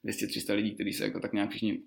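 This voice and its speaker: A man telling loose, rambling stories as a guest, laughing often and filling pauses with lots of small words. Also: on the low side, monotone, vocal fry. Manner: rambling, laughing, full of fillers. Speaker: guest rapper. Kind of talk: casual storytelling.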